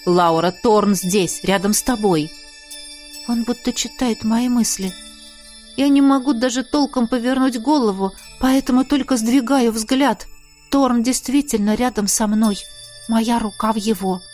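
A woman's voice: on the high side, darkish tone. A woman narrating a first-person story as an audiobook reader, intimate and emotional.

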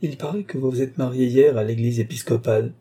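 A man's voice: medium pitch, fairly even intonation, brisk, mellow, slightly rough, close to an everyday voice. A man voicing a scheming, greedy woman doctor who talks down coolly and sweetly, in an audiobook reading. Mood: coldly wheedling. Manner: coolly condescending, calls her "ma petite".

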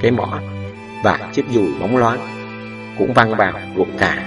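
A man narrating a novel as an audiobook in a slow, measured storytelling way. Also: fairly low pitch, expressive. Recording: distant mic with background music.

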